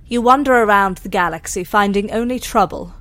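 A woman plays an alien interrogator in a sci-fi audio drama. She is mid-pitched and measured, with cool condescension and polite menace. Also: a bit bright, dry recording, lightly acted. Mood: coolly curious.

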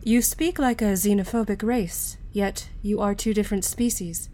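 A woman playing a calm, analytical captive in a sci-fi audio drama. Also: mid-range voice, moderate pace, lightly acted.

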